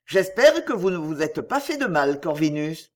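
Man voicing a huge, calm Roman officer. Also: a little high, moderate pace. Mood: calm polite.

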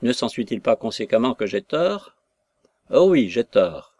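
A man's voice: mid-range voice, sing-song, a little slow, darkish tone, dry recording, lo-fi sound. A man reading aloud, voicing a quarrelsome old country father who fires indignant, accusing questions.

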